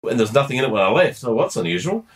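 A middle-aged man telling a story on a podcast in a casual, animated way, laughing and restarting often. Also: mid-range voice, very fast. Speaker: podcast co-host.

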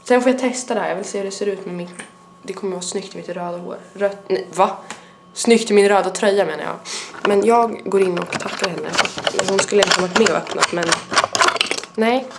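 A woman's voice: mid-range voice, creaky, background noise. A young adult woman with a stuffy nose, rambling in a casual vlog chat with lots of fillers. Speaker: vlogger.

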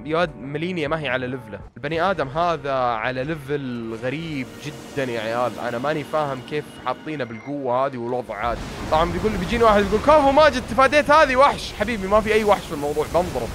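A man's voice: medium pitch, racing, noisy background. A young man with a Gulf Arabic accent giving casual gameplay commentary, grumbling and joking at himself, his voice tired and strained. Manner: grumbling, self-mocking, talks straight to viewers. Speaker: gaming YouTuber.

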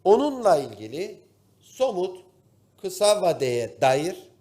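A man with a Turkish Cypriot accent giving a formal speech to parliament from the rostrum microphone, pausing often with drawn-out fillers. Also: high voice, sing-song, mellow. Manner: formal, addresses colleagues, pauses with drawn-out fillers. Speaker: member of parliament. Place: parliament chamber. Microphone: podium microphone at the parliament rostrum.

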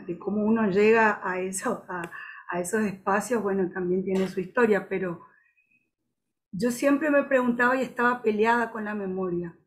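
A woman on a video call giving a slow, reflective personal testimony, halting often and restarting her sentences. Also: mid-range voice. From Paraguay border region. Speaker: audience member.

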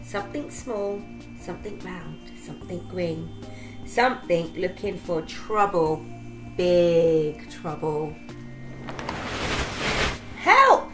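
A woman reading a children's picture book aloud in an expressive, dramatic storytelling manner. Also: lowish voice, slow, soft background music, low-quality recording.

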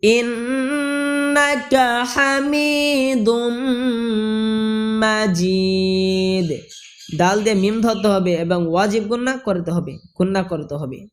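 A man with a Bangladeshi Bengali accent teaching correct recitation, explaining each sound and then chanting the phrase slowly and drawn out. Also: high voice, a little mellow, faint music behind.

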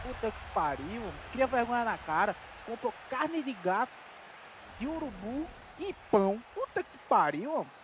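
Northeast brazil guy, high voice, teasing and cursing, noisy voice note. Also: sing-song, moderate pace. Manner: mocking, profane. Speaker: viewer sending a voice message. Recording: noisy voice message, background rumble.

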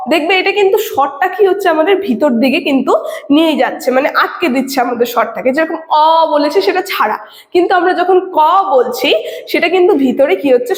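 Woman teacher, high voice, explaining to students, rhetorical questions, roomy echo. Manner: repeats "ঠিক আছে" and asks rhetorical questions. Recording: echoey room with long reverb.

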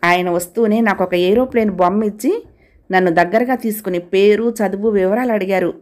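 A woman reading a family story aloud in the first person, at an even, unhurried pace. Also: medium pitch.

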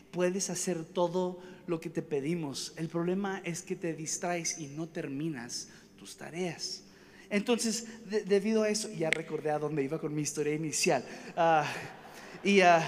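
A high-pitched young man delivers an animated, rambling sermon from a conference stage. His voice rings through a hall with a long reverb and faint ambience behind it. He jumps between stories, cracks jokes and acts out the voices of the people in them. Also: slight background noise. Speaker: preacher. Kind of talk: storytelling sermon.

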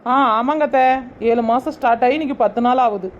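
Brief: a woman as a weary pregnant daughter-in-law in a family skit, high voice, noisy lo-fi recording. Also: fairly quick, a little mellow, lightly acted. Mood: polite. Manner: complaining, weary.

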